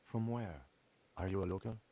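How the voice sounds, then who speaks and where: A man voicing a calm, dry male police lieutenant in a video game, asking measured, curt questions. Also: low voice, pitched below the performer's own voice, low-quality recording.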